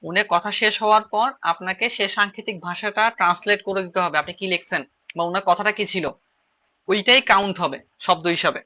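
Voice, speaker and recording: Fast, bright-voiced male shorthand teacher. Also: sits high, fairly even intonation. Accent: Chittagong Bengali. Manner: repeats phrases while writing on slides. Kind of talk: online class lecture.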